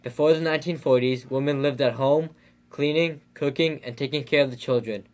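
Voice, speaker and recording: A man reads scripted narration aloud. His voice is average in pitch and his delivery is plain and report-like. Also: steady tone, fairly quick.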